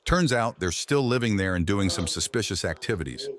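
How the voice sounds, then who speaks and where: A man's voice: fairly low pitch, expressive, brisk, a crowd in the background. A man reading scripted narration for a video. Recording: clear background noise.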